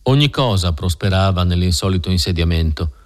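A man narrating a classic novel in a measured, steady storytelling manner. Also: sits low. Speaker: audiobook narrator. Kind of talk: scripted literary narration.

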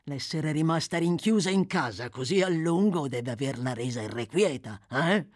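The reader voices a rough, short-tempered male thief in an audiobook, grumbling bluntly. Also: mid-range voice, expressive, moderate pace, no room sound, clean studio sound, natural voice. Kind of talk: audiobook character voice.

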